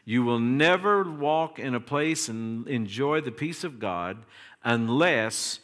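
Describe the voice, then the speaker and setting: A man preaches in an Appalachian accent, his voice ringing with the long reverb of a hall. He teaches at a slow, deliberate pace, leaning on key words and stretching them out for emphasis. His pitch sits in an ordinary male middle range. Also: lively intonation, fairly bright tone. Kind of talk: sermon, teaching to a congregation.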